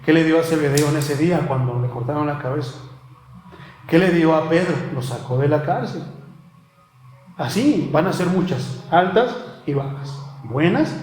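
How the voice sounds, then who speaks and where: A man's voice: a little high, animated, normal speed, a little mellow, reverberant, a little hiss or hum. A man, preaching a sermon to a congregation, asking rhetorical questions and calling listeners brother. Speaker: pastor. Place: church.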